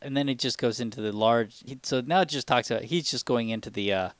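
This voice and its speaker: A man hosting a casual podcast chat, rambling with frequent restarts and easy laughter, with a somewhat squeaky voice. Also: fast, no echo. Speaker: podcast host.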